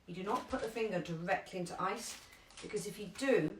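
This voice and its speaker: Female first aid instructor, London accent, chatty, stresses steps slowly; roomy, distant sound. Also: medium pitch, slight background noise. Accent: London English. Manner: chatty, emphatic, repeats key instructions slowly. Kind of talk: live online first aid class. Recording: echoey room, distant from mic.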